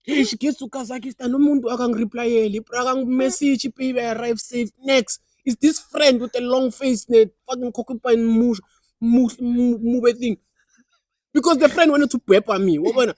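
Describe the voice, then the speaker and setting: A young man telling a comic story in casual, halting chat, getting heated. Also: very high-pitched, fairly even intonation, darkish tone, no echo. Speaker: podcast guest and comedian.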